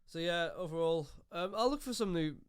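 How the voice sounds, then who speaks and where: A man's voice: fairly high pitch, animated, brisk, smooth. Man reading out news headlines. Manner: reads headlines aloud between laughs. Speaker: podcast co-host reading news. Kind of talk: casual chat.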